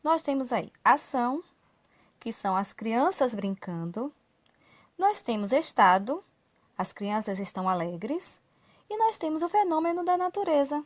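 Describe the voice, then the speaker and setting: A woman teacher explains grammar to small children in a fairly high voice that rises and falls a lot. She slows down to stress her examples clearly. The room gives her voice a noticeable echo. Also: very animated. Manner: slow, clearly stressed examples for young pupils. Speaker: primary school teacher. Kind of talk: recorded video lesson for children. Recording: roomy echo.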